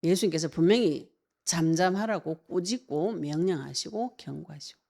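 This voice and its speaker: A woman pastor delivers a sermon in a low, gravelly voice. She preaches emphatically and keeps posing rhetorical questions to her listeners. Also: moderate pace, dark tone.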